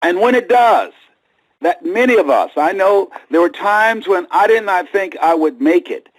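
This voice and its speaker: A man giving an emphatic, preacher-like motivational speech, repeating key lines and swinging from low murmurs to high cries. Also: animated, a little slow, rough recording. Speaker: motivational speaker. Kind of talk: motivational speech to a live audience.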